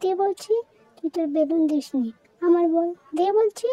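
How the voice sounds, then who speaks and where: A woman voicing a stubborn older girl doll who bosses her little sister, in a childlike, squeaky voice. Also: lively intonation, normal speed, mellow, no room sound. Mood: angry.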